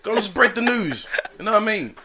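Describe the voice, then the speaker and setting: A man, co-hosting a podcast and chatting in a lively, laughing storytelling way. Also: sits high, brisk, noisy background. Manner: animated, laughing storyteller who acts out other people. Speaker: podcast co-host. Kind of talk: casual banter.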